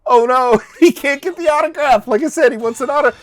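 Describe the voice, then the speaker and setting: A man's voice: very high voice, brisk, fairly bright tone, no room sound. A middle-aged man giving casual, jokey running reaction commentary as host, chuckling and exclaiming as he goes.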